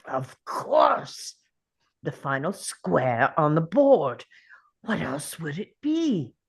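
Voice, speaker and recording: A performer playing a brooding, clever time-travelling alien man in a dramatic table read, speaking in a theatrical, deliberate way as if pondering aloud. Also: medium pitch, very animated, husky, heavily acted. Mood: pondering, intent.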